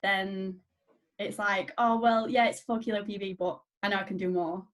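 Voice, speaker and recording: A woman's voice: mid-range voice, moderate pace. Young english woman on a podcast, giggly and chill. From England. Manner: giggly, relaxed and modest. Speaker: guest weightlifter. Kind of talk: casual podcast chat.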